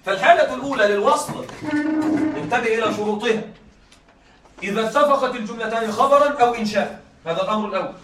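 High bright-voiced male teacher, echoey room. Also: far from the mic, slight background noise. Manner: keeps checking students follow, repeats key points; reads examples slowly and deliberately. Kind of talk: classroom lecture.

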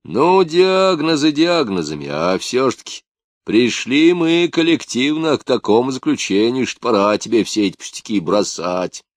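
Loud, coaxing working man, read by a male narrator; dry close mic. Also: mid-range voice, moderate pace, vocal fry, no echo, voice pushed up, close to an everyday voice.

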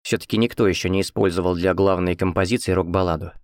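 A man voicing a chatty, confiding male film producer in an audiobook, close to his own low voice. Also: fairly even intonation, quick pace, no room sound, natural voice.

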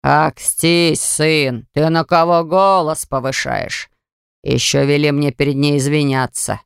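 A reader voicing an indignant elderly father who speaks in slow, low, grumbling outbursts, in an audiobook. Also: fairly even intonation, creaky, clear, resonant tone, dry recording, clean studio sound. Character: indignant elderly father, hot-tempered and dramatic. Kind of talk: audiobook character voice.

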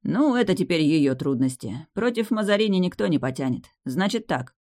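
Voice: medium pitch, expressive, moderate pace, a little mellow, lightly acted. A narrator doing a breezy, carefree young duke. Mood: brisk, bossy.

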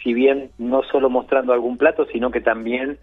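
A man with a Buenos Aires accent, a chef guest telling his story over the phone in an unhurried, reflective way. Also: medium pitch, little pitch movement, breathy edge. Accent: Buenos Aires Spanish. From Argentina, Buenos Aires. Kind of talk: phone interview. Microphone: phone line. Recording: tinny phone line with faint music.

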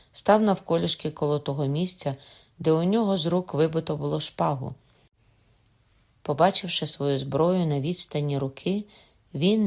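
Low-voiced woman reading an audiobook. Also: darkish tone. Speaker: audiobook reader. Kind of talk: audiobook narration.

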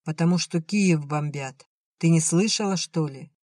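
A man voicing a bitter, sharp-tongued woman director in a storybook reading. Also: fairly high pitch, a little slow, dry recording, clean studio sound. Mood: angry. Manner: curt, angry.

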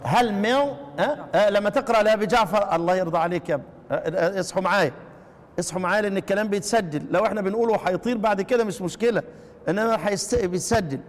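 A man with an Egyptian accent teaching a lesson on Quranic readings, asking rhetorical questions and slowly chanting the example phrases. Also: high voice, in a large hall. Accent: Egyptian Arabic. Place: class with students.

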